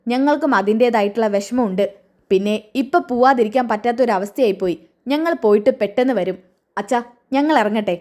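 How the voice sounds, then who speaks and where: A dutiful young husband explains matters calmly and patiently, as a woman narrator reads him. The voice stays close to her own, high and plain. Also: natural voice.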